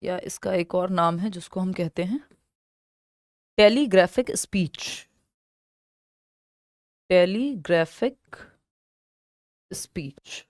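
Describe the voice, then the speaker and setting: A young woman with an Indian accent teaching an exam-prep lesson. She explains step by step, repeats key terms slowly and asks questions that she answers herself. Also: lowish voice, dry recording, clean studio sound.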